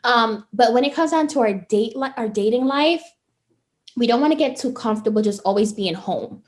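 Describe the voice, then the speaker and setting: A woman interviewing in a casual, conversational way, reacting in an animated manner to what she hears. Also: a little high, normal speed.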